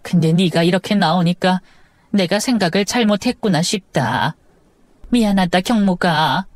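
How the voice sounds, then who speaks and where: Casting: woman playing older mother-in-law, soft-spoken, regretful, lowered voice, dry close recording. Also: normal speed, no echo, lightly acted. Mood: remorseful. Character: older mother-in-law, remorseful, quiet, apologetic. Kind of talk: drama audio story.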